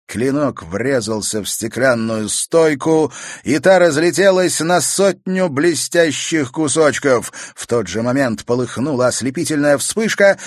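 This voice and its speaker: A man narrating an audiobook in a measured, expressive reading. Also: mid-range voice, no echo, clean studio sound.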